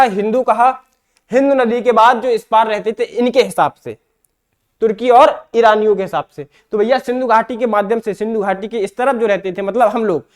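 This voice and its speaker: Man, teacher, eastern Uttar Pradesh Hindi accent, exam-prep lecture, repetitive question-and-answer delivery. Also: very high-pitched. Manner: repeats himself, asks and answers his own questions.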